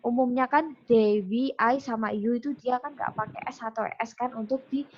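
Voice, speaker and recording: A woman's voice: on the high side, steady tone, normal speed, muffled recording, slight background noise. A woman with an Indonesian accent teaching English grammar in an online class, explaining step by step with many fillers and restarts. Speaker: English lecturer.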